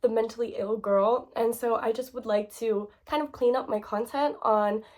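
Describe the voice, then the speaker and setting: A woman in her late twenties speaks straight to her audience in a casual vlog. Her voice sits a little high, and her talk runs loose and chatty with plenty of fillers. She sounds candid and heartfelt, as if tears are never far off. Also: fairly even intonation, normal speed, darkish tone. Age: 20s. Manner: emotional, close to tears at times. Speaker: YouTuber. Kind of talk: casual talking-to-camera vlog.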